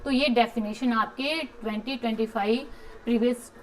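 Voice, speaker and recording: A woman's voice: a little high, moderate pace, a little hiss or hum, rough recording. A woman teacher giving an exam-prep lecture, explaining step by step, asking questions and answering them herself, with English terms mixed into her speech.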